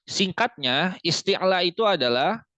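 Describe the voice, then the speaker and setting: A man's voice: high-pitched, lively intonation, measured pace, bright, forceful tone, dry recording. A man teaching Quran recitation in an online tajwid lesson, who explains patiently, repeats key points and models letter sounds. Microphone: video call. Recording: dry, muffled video-call audio.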